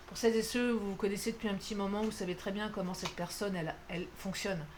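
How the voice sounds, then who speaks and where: A woman's voice: mid-range voice, steady tone, fast, background noise. A woman doing a casual, playful card reading, chatty and self-mocking with lots of fillers. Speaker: tarot card reader.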